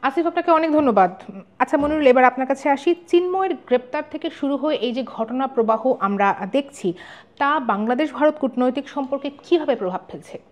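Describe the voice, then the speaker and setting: A woman presenting a news program, thanking one guest and putting a question to the next in a brisk, formal way. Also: high voice.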